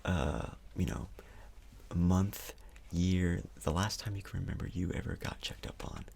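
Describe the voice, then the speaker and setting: In a near-whisper right by the microphone, a man plays a doctor for ASMR, reassuring yet casual and a bit unsure. His voice sits low and has a gravelly, breathy edge, and he goes a little slow.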